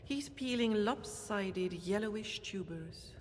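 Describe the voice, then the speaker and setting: A woman narrating a story-driven game in a measured, storytelling manner. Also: mid-range voice, long reverb tail, a little hiss or hum, close to an everyday voice.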